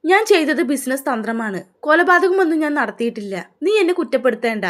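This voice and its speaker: A woman's voice: sits high, lively intonation, quick pace. A woman doing a scornful, arrogant rich father. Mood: angry. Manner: harsh and contemptuous. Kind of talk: storybook narration.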